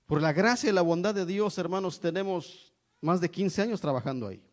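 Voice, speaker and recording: A man's voice: sits high, animated, brisk. A middle-aged man from Mexico preaching an evangelical sermon, emphatic, calling out "brothers" again and again. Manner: repeats "hermanos" constantly, emphatic preaching.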